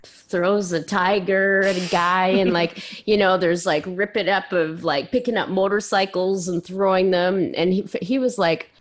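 A woman's voice: fairly low pitch, fairly even intonation, a little slow. A woman hosting a podcast, chatting casually and informally with frequent asides. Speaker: podcast host. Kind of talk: casual chat.

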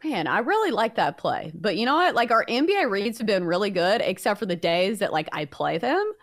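Woman, betting show co-host, casual tips and banter, confident, playful, widely varied pitch. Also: big pitch swings, fairly quick.

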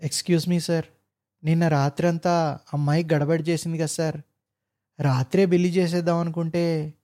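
A man's voice: fairly high pitch, level tone, normal speed, warm tone, natural voice. A man voicing a frightened old male office clerk who pleads timidly. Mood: pleading.

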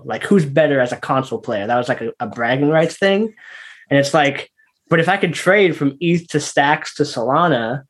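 A man in a casual interview chat, talking like a tech bro with lots of "like" and "you know". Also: mid-range voice.

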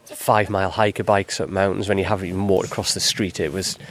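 A man who rides endurance bike races, answering interview questions in a modest, relaxed way and rambling loosely with casual fillers. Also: low-pitched, quick pace.

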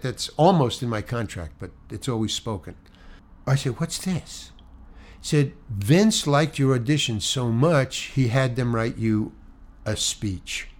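A man, an actor, telling a story in conversation, animatedly voicing both sides of each exchange. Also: mid-range voice. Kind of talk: anecdote in conversation.

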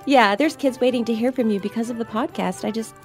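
A woman's voice: on the high side, fast talker, a little mellow, faint music behind, close to an everyday voice. A woman voicing a sweet, eager North Pole elf with an upbeat, giggly manner.

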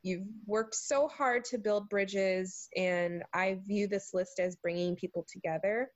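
A young Southern American woman, a guest talking casually and animatedly in an interview, with quick rants. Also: medium pitch, no echo, muffled recording. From United States. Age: young adult.

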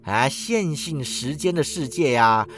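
A man's voice: a little high, lively intonation, unhurried, a bit bright, faint music behind. A man reading a story, voicing a smug, lazy male talking orange cat that ends its lines with a meow.

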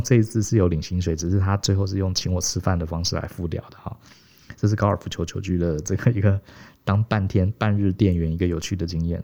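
A middle-aged man from Taiwan telling stories casually as a podcast co-host, animated and chuckling. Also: low-pitched. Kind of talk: casual storytelling. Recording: dull, muffled podcast audio.

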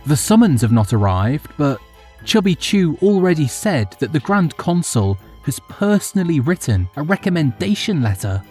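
A narrator voicing an excitable male retainer who speaks in an eager, breathless, high-pitched way. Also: a little slow, breathy edge, soft background music, full character voice.

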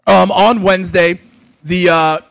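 A young man hosts a fantasy sports radio show, chatting casually and excitedly as he opens gifts, exclaiming and talking with his mouth full. His voice is high-pitched and gravelly, a little slow, with no echo.

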